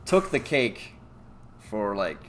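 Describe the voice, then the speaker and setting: Low-voiced guy casually recapping a league, teasing, bit of background hiss. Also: very animated, takes it slowly, a bit bright. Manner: teasing, laid-back, trails off. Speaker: league co-host.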